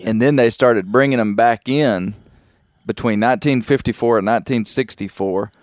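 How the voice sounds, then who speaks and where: A man's voice: medium pitch, normal speed, dry recording, studio quality. A man, chatting casually as an interviewer.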